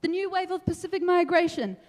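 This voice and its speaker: A young woman from New Zealand giving an energetic, animated debate speech, laughing between points. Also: very high-pitched, brisk. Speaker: debate speaker. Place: large council meeting hall. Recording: long hall reverb.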